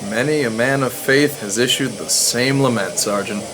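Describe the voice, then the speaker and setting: A man's voice: mid-range voice, normal speed, close to an everyday voice. A man playing a dryly witty rabbi and army chaplain, courteous and formal, in an audio drama. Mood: calm, wry. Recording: clear hissing noise behind.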